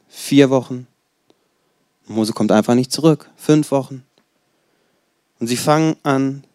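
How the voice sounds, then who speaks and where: Young man in his 20s, casual storytelling sermon, mid pitch, dry close sound. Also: darkish tone, no echo. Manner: conversational, storytelling, rhetorical questions. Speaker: preacher.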